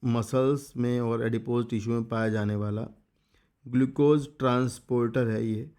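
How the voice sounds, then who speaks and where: A man's voice: medium pitch, steady tone, measured pace, a little mellow. A man giving a casual exam revision biology lecture, reading textbook lines in English and explaining them in Hindi, urging students to remember key points. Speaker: biology teacher.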